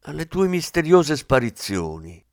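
A man's voice: a little high, sing-song, a little slow, no room sound, clean studio sound, pitched above the performer's own voice. A man reading the part of a blunt, swearing male police commissioner in an audiobook. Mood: brusque. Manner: brusque, swearing.

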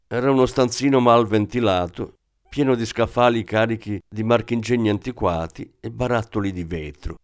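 A man giving steady, scripted audiobook narration. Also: lowish voice, normal speed, clean tone.

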